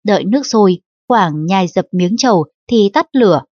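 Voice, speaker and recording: Woman voicing a young woman cook, calm, instructive, dry close sound, lo-fi audiobook. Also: medium pitch, moderate pace, no echo, lightly acted. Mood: explaining. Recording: dull lo-fi audiobook recording.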